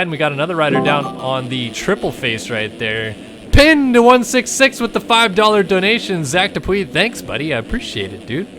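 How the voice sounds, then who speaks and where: A young man doing live play-by-play for an online motocross race, switching between excited calls and joking chat with his co-host. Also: a little high, background noise. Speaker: race commentator and streamer. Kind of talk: live esports race commentary.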